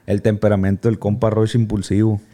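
A man's voice: fairly low pitch, level tone, brisk, mellow. A man, teasing a friend and laughing in casual podcast chat. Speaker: podcast co-host.

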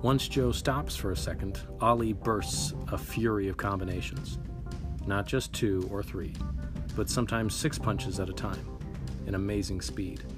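A man reading a scripted, dramatic narration for a podcast. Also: lowish voice. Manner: dramatic storytelling. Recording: narration over clear background music.

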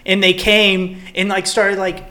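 A man's voice: sits high, unhurried. A young man chatting casually as a podcast co-host, rambling and swearing freely as he rants. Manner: rambling, profane, animated when ranting. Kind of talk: casual chat.

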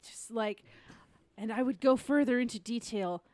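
Woman co-host, animated and exasperated, dry close mic. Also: on the high side, moderate pace, no room sound. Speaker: podcast co-host. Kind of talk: casual chat.

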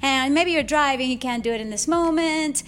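A woman's voice: sits high, moderate pace, fairly bright tone, a little hiss or hum. A woman fitness instructor and podcast host coaching a workout like an aerobics instructor, enthusiastic, bubbly and encouraging.

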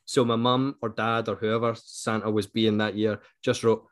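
A man's voice: lowish voice, moderate pace. Scottish man, casual anecdote teller. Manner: animated retelling, acts out quoted speech. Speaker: book club podcast co-host. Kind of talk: casual chat, anecdotal storytelling.

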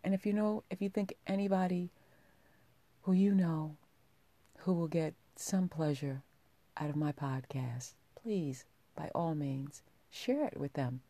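A woman hosts a podcast in a sultry, very low voice. Her tone is mellow and dark, and she addresses listeners in an intimate monologue. The sound is dry, with hardly any room in it. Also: a little slow, no room sound. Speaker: podcast host.

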